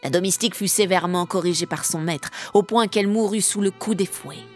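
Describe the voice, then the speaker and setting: A woman reading brings to life a vengeful witch in a storybook, who threatens in a hushed, menacing growl. Her voice sits low, and faint music plays beneath it. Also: brisk, natural voice. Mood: storytelling.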